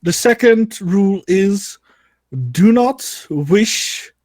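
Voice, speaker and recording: A grandiose male genie, acted out by a man at a game table, proclaiming theatrically in unhurried, stretched-out phrases. The pitch sits high for a man, and the sound is close and dry. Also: a little mellow, no echo. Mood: bossy. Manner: theatrical, proclaiming genie speech with drawn-out words.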